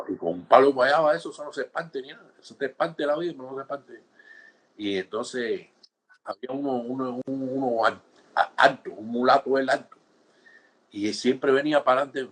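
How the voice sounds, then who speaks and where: A husky-voiced Cuban man in his sixties tells his stories in a relaxed, conversational way. He slips into the voices of the people he quotes and keeps checking in with the listener. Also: mid-range voice, brisk. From Cuba. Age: 60s. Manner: animated storytelling, acts out quoted guards, frequent restarts and "¿entiendes?". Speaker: interviewee, former political prisoner. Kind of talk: conversational interview storytelling.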